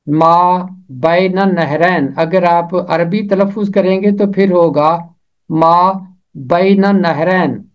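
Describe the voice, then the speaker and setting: A man giving a slow, deliberate lesson on how to pronounce words from the Bible, carefully repeating each word. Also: sits high. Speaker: Bible pronunciation teacher. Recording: slightly muffled lo-fi recording.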